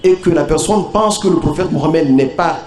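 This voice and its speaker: A man preaching a sermon to a gathering, pausing for the audience's responses and asking rhetorical questions. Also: on the high side. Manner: measured, rhetorical questions to the crowd. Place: large gathering at a religious ceremony. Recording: echoey hall with crowd. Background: crowd.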